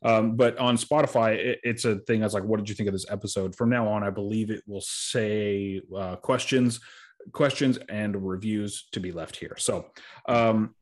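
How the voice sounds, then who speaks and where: A man with a fairly low voice hosts a casual podcast, rambling through answers with plenty of ums and uhs. He sounds worn out after a long day. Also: fairly even intonation, normal speed. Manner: rambling, filler-heavy, tired and yawning. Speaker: podcast host.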